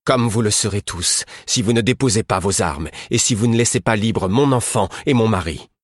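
A man's voice: fairly low pitch, normal speed, slightly rough, no echo, studio quality, pitched above the performer's own voice. A man reading an audiobook voices a fierce mother threatening her enemies, menacing and at times coaxing. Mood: defiant threat. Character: fierce mother beekeeper woman, defiant and threatening. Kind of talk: audiobook character voice.

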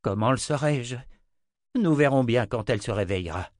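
A man voicing a fiery, stubborn old male wizard in a dry audiobook reading, his pitch pushed up and gruff. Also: expressive, moderate pace, dry recording, lightly acted. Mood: explaining. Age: older.

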